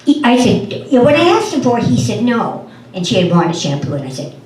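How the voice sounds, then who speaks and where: A woman's voice: fairly high pitch, very animated, brisk, a little mellow. A woman doing stand-up comedy, telling folksy anecdotes and acting out the dialogue of the people in them. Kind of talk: stand-up storytelling. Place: comedy club stage before an audience. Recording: roomy sound from a distant mic.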